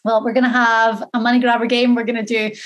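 Higher-voiced woman hosting a sports show. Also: level tone, fast, dull audio. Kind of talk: casual sports show presenting.

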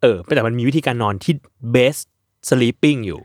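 A man hosting a casual podcast chat, reacting with quick backchannels and mild swearing. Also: mid-range voice, no echo, studio quality.

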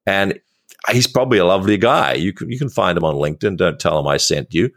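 A male podcast host in a relaxed interview, telling self-mocking stories and laughing often. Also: deep voice, quick pace. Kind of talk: conversational storytelling.

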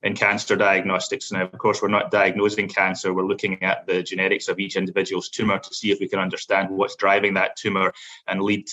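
A middle-aged man with a Glasgow Scottish accent, a guest telling his career story in a measured way with frequent fillers and restarts. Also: deep voice, completely flat delivery, bright, forceful tone. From Scotland. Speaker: guest, lab operations executive. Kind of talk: interview storytelling.

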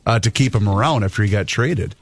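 A man's voice: lowish voice, fast talker, dry recording. A man co-hosting a sports radio show, chatting casually and reading out statistics.

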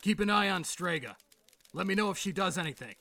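An actor playing an exasperated, sceptical middle-aged police boss in an audio drama, with a gravelly rasp and a brusque, sarcastic beat-cop bark. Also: male voice, high-pitched, animated, a little fast, bright, forceful tone, slight background noise, heavily acted. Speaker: police commander.

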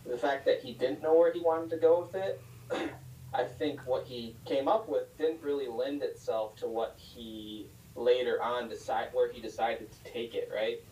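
A man's voice: medium pitch, steady tone, normal speed, mellow. A man on a podcast, talking hesitantly and searching for his words. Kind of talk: casual chat. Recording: distant roomy mic with faint hiss.

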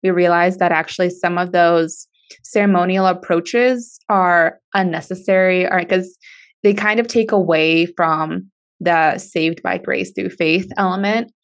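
This is a casual conversation in which a woman, Russian by first language, sincerely discusses church as a podcast guest. Her pitch is fairly low, her tone steady and her delivery unhurried, with gentle laughter woven into her explanations.

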